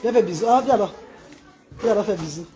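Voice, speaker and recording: A woman's voice: mid-range voice, brisk. A woman hosting a casual live stream, talking to her viewers and coaxing a child beside her. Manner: animated, coaxing a child between remarks to viewers.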